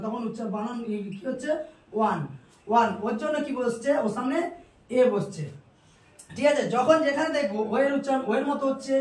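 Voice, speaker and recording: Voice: medium pitch, a little mellow. An English grammar teacher giving a classroom-style lesson, asking questions aloud and answering them, repeating each rule to drill it in. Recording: roomy echo, distant mic.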